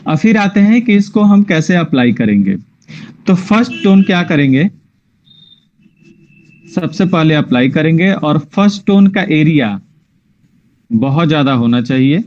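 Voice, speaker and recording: A man's voice: a little high, animated, measured pace, long pauses, a little mellow. Patient male drawing teacher, lo-fi. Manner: patient, checks often that students follow. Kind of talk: online class instruction. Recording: muffled lo-fi online class audio.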